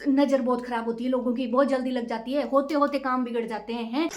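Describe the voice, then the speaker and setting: A woman's voice: high-pitched, steady tone, quick pace, noisy background, lightly acted. A woman playing a gossipy, boastful middle-aged mother who nags and lectures in a comic family sketch. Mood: smug. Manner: nagging, lecturing, rhetorical 'है ना?' tags.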